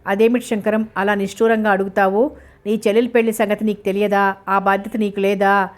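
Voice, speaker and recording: A woman voicing an eager elderly mother who talks in a hurried, pressing way, read out in a novel narration. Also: medium pitch, flat delivery, natural voice. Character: eager elderly mother arranging her daughter's marriage.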